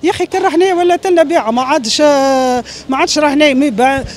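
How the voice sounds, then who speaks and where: A woman's voice: high voice, fast, a little hiss or hum. A middle-aged woman with a Tunisian accent, speaking in an agitated, pleading, emphatic way in a street interview. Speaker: interviewee airing a grievance. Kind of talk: street interview, impassioned complaint. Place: outdoors on a busy city street. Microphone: handheld reporter microphone.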